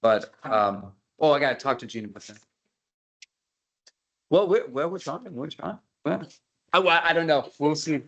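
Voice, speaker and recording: A man organizing a committee meeting, explaining matters in a casual way, often halting and repeating words as he talks. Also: fairly high pitch, a bit bright, lo-fi sound.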